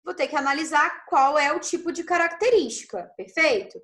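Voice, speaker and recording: A woman's voice: high-pitched, normal speed, a bit bright. A woman teaching an English grammar class online over a video call, explaining step by step and checking in with frequent tag questions.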